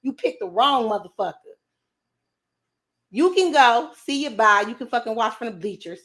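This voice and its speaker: A high-voiced woman talks straight to her livestream chat, brash and profane. Her tone is confrontational and unfiltered. She fires back at comments in a casual, streetwise way. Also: animated, moderate pace, a bit bright. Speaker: livestream host.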